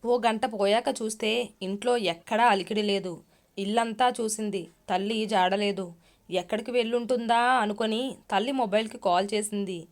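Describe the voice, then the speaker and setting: A woman storyteller narrating a story aloud in a steady, expressive reading voice. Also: medium pitch, moderate pace.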